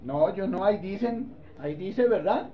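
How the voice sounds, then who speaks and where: A man's voice: high-pitched, moderate pace, slight background noise. A man preaches in a church, his voice swooping up and down as he jokes and prods the congregation for an "amen." The recording is dull and lo-fi. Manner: animated, playful, asks the congregation for responses. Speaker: pastor. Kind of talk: sermon.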